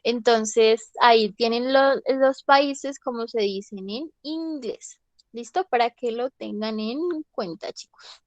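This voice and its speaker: A woman teaching an online class, her voice a little high. She explains step by step and keeps checking that her students follow. The sound is dry and close, with no room around it. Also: slow, no echo. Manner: patient, repeats "¿listo?" to check understanding. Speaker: English teacher.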